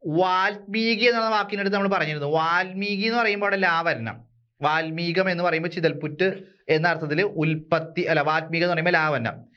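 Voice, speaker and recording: A man from Kerala teaching an exam-prep language lesson, repeating words slowly and asking his listeners rhetorical questions. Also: fairly high pitch, steady tone, pushed and bright, lo-fi sound. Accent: Malayali.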